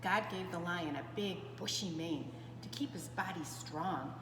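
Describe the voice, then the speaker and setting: An unhurried woman with a lowish voice reads a story to young children. As a preschool storyteller, she performs expressively and adds chatty remarks to her listeners. The recording has a reverberant, echoey room sound and clear background noise.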